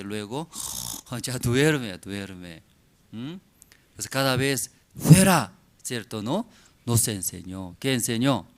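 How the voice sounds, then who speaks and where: A male pastor preaching a sermon at a church service, in halting, simple phrases, often asking the congregation questions. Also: mid-range voice, fairly bright tone. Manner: halting, simplified phrasing with many pauses and fillers.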